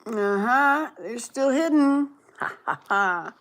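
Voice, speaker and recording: A woman's voice: on the high side, lively intonation, slow, fairly bright tone. A woman in her late sixties from Canada, chatting casually on a livestream, musing aloud and answering viewer comments as she reads them. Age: 60s. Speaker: livestream host.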